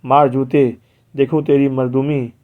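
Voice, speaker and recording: A man's voice: medium pitch, flat delivery, measured pace, close to an everyday voice. A man voicing a hot-tempered, middle-aged village wife who scolds sharply, read in a dull lo-fi audiobook recording. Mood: angry scolding.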